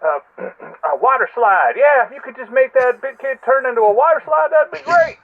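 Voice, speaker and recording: High-voiced man over a phone line. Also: lively intonation, brisk. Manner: rambling, hesitant, with many fillers. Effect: heard over a landline phone line. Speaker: caller leaving a voicemail. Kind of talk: joking voicemail message.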